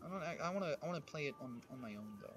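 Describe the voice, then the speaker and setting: A man's voice: fairly high pitch, expressive, racing, heavy background noise. A man hosting a gaming livestream, chatting casually and rambling with many restarts and fillers while friends sit nearby. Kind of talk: casual chat while playing.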